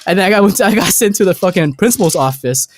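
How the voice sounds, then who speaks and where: Excitable, foul-mouthed male podcast host. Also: high-pitched, quick pace. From North America. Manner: excitable storytelling, heavy swearing. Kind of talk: casual podcast chat.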